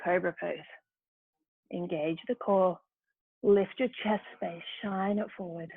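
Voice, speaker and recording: A woman's voice: fairly low pitch, fairly even intonation, takes it slowly, vocal fry. A woman leading a yoga class, giving short, encouraging cues for each movement. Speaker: yoga instructor. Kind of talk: guided yoga class instruction. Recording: tinny phone-like dry sound.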